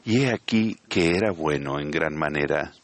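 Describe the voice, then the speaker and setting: A man with a very low, deep voice reads a sermon aloud as its interpreter. He keeps an even, measured pace and a steady, careful delivery throughout. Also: vocal fry. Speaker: Spanish interpreter of a church talk.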